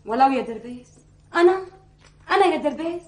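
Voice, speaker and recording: Lebanese wife snapping back at her husband, fast high voice. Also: lively intonation, reverberant. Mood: defiant. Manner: defiant, retorting.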